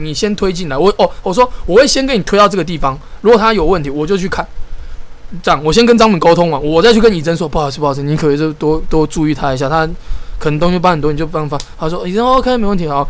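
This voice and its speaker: A man, co-hosting a podcast and telling stories in casual chat, animated and exasperated, with frequent restarts. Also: fairly high pitch, racing. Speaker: podcast co-host.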